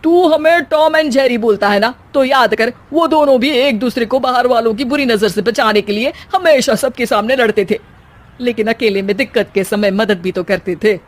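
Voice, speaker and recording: A woman voicing a bossy, bickering middle-aged mother-in-law who scolds dramatically in an animated family comedy story. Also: on the high side, normal speed, natural voice. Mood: defiant, proud. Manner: scolding, dramatic, sharp-tongued.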